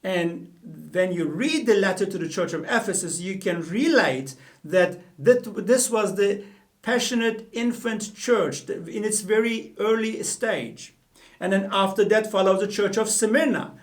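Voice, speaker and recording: Speaking from a small studio room, this middle-aged man from Turkey has a high-pitched, unhurried voice with a Turkish accent, captured far from the mic. He earnestly teaches the Bible to camera, using both hands to gesture and frequently repeating and self-correcting.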